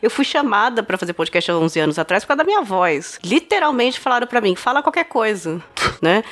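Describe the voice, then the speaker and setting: A woman's voice: mid-range voice, sing-song, brisk, fairly bright tone. A woman podcaster with a Brazilian accent, chatting casually and animatedly, laughing often. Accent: Brazilian Portuguese.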